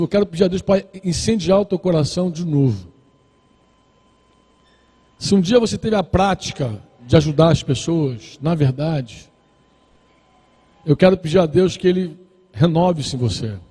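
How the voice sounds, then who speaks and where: A man's voice: a little high, moderate pace, pauses often, dark tone, slightly rough. A male pastor preaching a sermon, exhorting and repeating phrases, acting out little dialogues with the congregation. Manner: exhorting, repetitive, acts out dialogues. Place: church. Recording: reverberant church hall.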